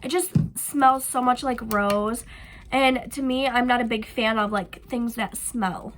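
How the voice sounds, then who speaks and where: A young woman with a cold walks through a makeup tutorial in an unhurried, casual way, saying um and like often. Her voice is a little high and nasal from her stuffy nose. A bit of hiss or hum is audible, and she is a beauty vlogger.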